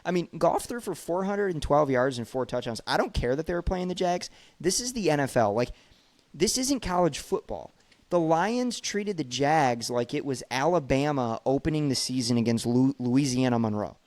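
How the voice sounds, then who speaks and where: A man's voice: on the high side, lively intonation, normal speed, darkish tone, dry recording. A young man hosting a sports podcast, leading the talk and making emphatic points with scores and stats. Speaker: podcast host. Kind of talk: casual sports podcast chat.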